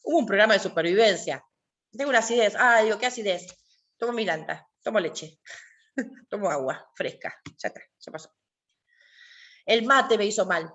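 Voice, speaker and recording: A woman's voice: medium pitch, lively intonation, normal speed, a bit bright. Emphatic Argentine woman teaching a class. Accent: Argentine Spanish. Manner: repetitive, emphatic, asks rhetorical questions. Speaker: workshop teacher. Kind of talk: online class lecture.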